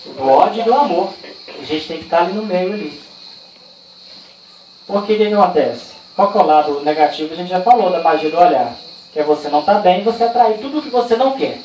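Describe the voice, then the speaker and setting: A man's voice: sits high, expressive, a little fast, darkish tone. A man with a Brazilian Portuguese accent giving an informal training talk, explaining with rhetorical questions and personal stories. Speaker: workshop trainer. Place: indoor training room. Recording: echoey room, far from the mic, faint insect noise.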